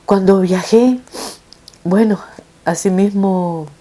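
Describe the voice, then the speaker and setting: A middle-aged woman, a mother, telling her viewers a painful personal story in an emotional, halting way, with frequent restarts. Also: medium pitch, mellow. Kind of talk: personal testimony told to viewers.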